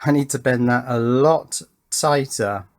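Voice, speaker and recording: Speaking at a measured pace with a medium-pitched voice, this English hobbyist in his fifties narrates his electronics work for video. His talk is relaxed and meandering, full of hesitations and self-directed questions as he reasons things through.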